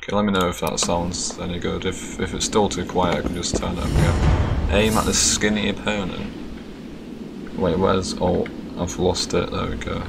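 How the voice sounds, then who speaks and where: A man's voice: deep voice, flat delivery, moderate pace, gravelly. A man streaming a game with casual, slangy commentary, reading bits aloud, who cannot say his r's and sounds them like w. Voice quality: cannot pronounce r, says w for r. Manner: slangy, reads on-screen text aloud between remarks. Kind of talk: casual live gameplay commentary. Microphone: streaming microphone with adjustable gain. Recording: loud background noise.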